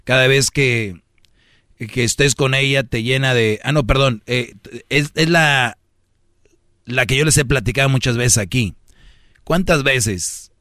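A man's voice: mid-range voice, unhurried, pauses often, sharp tone, no echo, clean studio sound. A man hosting a comedy radio show, teasing and mock-scolding his listeners in slangy casual talk. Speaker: radio host.

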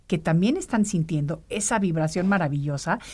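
A woman's voice: lowish voice, animated, brisk, dark tone, slightly rough. Encouraging woman interviewer. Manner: affirming, reflective, encouraging. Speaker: interviewer, former rapper. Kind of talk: casual interview chat.

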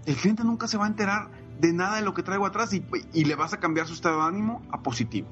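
A man's voice: high-pitched, quick pace, fairly bright tone, highs cut off, soft background music. A man, a coach and podcaster, talking emphatically and enthusiastically in a casual podcast chat. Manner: enthusiastic, emphatic, frequent fillers like "eh" and "pues".

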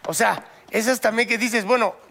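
A man's voice: sits high, moderate pace, vocal fry, pushed and bright. A man with a Mexican Spanish accent who hosts a casual chat and steers the topics with a playful manner.

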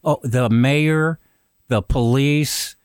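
A man's voice: mid-range voice, very slow, smooth, dry recording. Guy hosting a podcast, chatty and emphatic, dry close sound. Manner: conversational, emphatic. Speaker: podcast host. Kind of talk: podcast commentary.

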